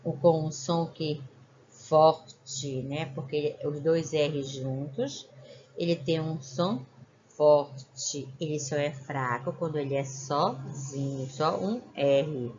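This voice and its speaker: A woman's voice: low voice, slow, darkish tone, lo-fi sound, slight background noise. A woman teacher with a Brazilian Portuguese accent, patiently walking young children through a worksheet and checking in with "né?" after each point. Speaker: primary school teacher. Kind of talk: remote lesson explaining a worksheet.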